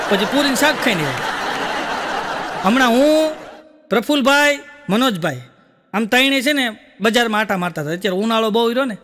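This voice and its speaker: High, bright Kathiawadi comedian man. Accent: Kathiawadi Gujarati. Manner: storytelling, tags jokes with a repeated "listen" aside. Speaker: stand-up comedian. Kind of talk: stage joke-telling. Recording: long hall reverb.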